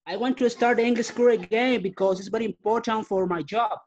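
A man from the Dominican Republic, a student in an online English class, speaking halting English with pauses and fillers. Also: high-pitched, lo-fi sound.

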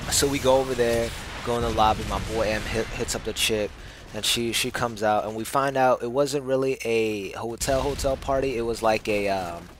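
A man's voice: medium pitch, normal speed, noisy background. A young man telling a casual story in laid-back slang, laughing often. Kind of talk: casual anecdote over gameplay. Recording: gameplay audio with gunfire behind.

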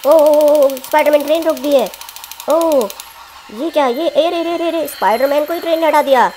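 A woman narrating a children's toy play video in an excited, exclamatory way. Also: high voice, moderate pace, slight background noise.

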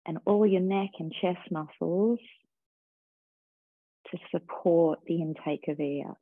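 A woman teacher slowly guiding a breathing and body-awareness meditation in a calm, soothing way. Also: fairly low pitch, no echo. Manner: slow, calm, soothing guidance. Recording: tinny phone-like sound.

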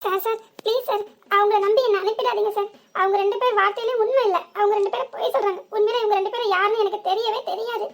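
Actor playing a squeaky young cartoon woman, southern Tamil accent, pleading and earnest. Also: steady tone, quick pace, fairly bright tone. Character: frightened young village woman. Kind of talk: cartoon voice acting.

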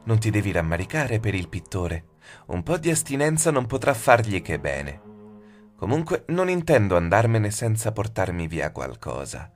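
A man voicing a sinister faceless shadow woman who speaks softly, taunting and cold, in an audiobook. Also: lowish voice, big pitch swings, moderate pace. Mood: mocking. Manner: soft, taunting, half-whispered. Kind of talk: audiobook character voice.

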